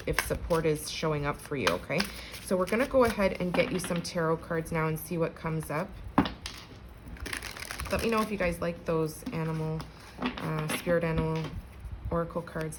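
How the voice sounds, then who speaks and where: A woman's voice: deep voice, background noise. A woman giving a casual collective tarot reading, chatting conversationally and speaking straight to her viewers. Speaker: tarot reader.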